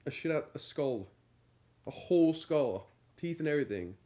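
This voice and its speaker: A man's voice: fairly high pitch, animated, normal speed, dark tone. A man acting in comedy outtakes, swearing freely as he repeats and restarts the same line in different takes. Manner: profane, repeats and restarts lines. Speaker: actor recording comedy outtakes.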